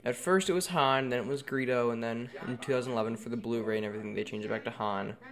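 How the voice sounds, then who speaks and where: Guy with a gravelly voice rambling about a movie, echoey bare room, no carpet. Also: medium pitch, steady tone, fast. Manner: rambling, self-correcting, chatty. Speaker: film commentator. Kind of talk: casual commentary while watching a film. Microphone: headphones while recording.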